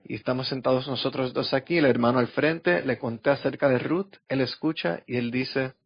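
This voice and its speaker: Middle-aged male preacher, mid-pitched, storytelling style, dull lo-fi sound. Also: moderate pace, slightly rough, dry recording. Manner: storytelling, acting out quoted voices. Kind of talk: sermon with personal stories. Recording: dull lo-fi recording.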